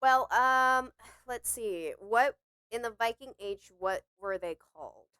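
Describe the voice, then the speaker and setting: A woman player in a tabletop game, chatting casually and thinking out loud with hesitation. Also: on the high side, slow, clear, resonant tone, no room sound, studio quality.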